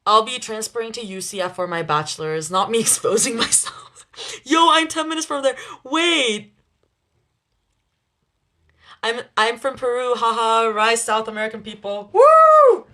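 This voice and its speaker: A young woman hosting a livestream, chatting casually with viewers, laughing often between quick asides. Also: a little high, sing-song, sharp tone. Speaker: livestream host reading chat. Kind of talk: casual live chat with viewers.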